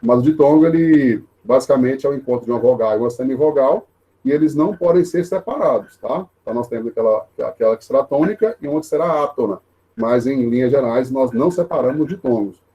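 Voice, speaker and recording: A man's voice: medium pitch, dark tone, slightly rough, highs cut off. A male teacher giving a remote online grammar lesson, explaining rules step by step with frequent tag questions. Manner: explanatory, many tag questions, repeats himself; says he talks fast.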